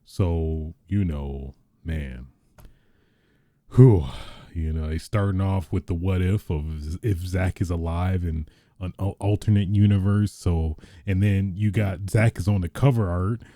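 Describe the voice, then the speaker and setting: A man hosting a casual gaming podcast talks in an excitable, rambling way, often restarting and trailing into fillers. His voice is low and very dark. He is close to the mic in a dry sound. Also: unhurried, no room sound. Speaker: podcast host.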